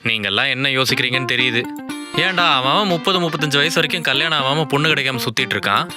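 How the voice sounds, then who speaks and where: A man's voice: medium pitch, expressive, racing. A young man narrating to the audience and arguing as an exasperated husband in a comic short film. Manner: exasperated, addresses the audience directly. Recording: music bed under the voice.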